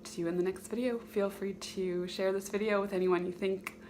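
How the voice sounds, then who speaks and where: A woman's voice: medium pitch, steady tone, moderate pace, dark tone, slight background noise. A woman vlogger giving informal personal advice, hesitant and thinking aloud as she goes. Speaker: video host sharing personal advice. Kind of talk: informal advice vlog to camera.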